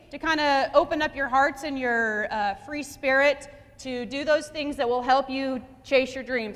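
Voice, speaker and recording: This woman in her forties is the guest speaker at a luncheon, delivering an upbeat motivational talk in a banquet hall and often starting her phrases over. Her voice sits high and is a bit bright, picked up on a lapel mic in an echoey room.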